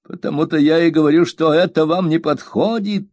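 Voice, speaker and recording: A man's voice: on the high side, brisk, darkish tone, no echo, clean studio sound, voice pushed up, close to an everyday voice. A man voicing a blunt, stubborn, loyal woman servant in an audiobook reading. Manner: blunt, insistent.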